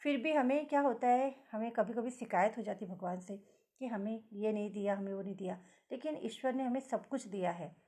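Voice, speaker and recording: A woman teacher explaining a lesson to children, reading sentences slowly and repeating them with stress on key words. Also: a little high, warm tone. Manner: slow repetitive model reading with stressed words. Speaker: schoolteacher.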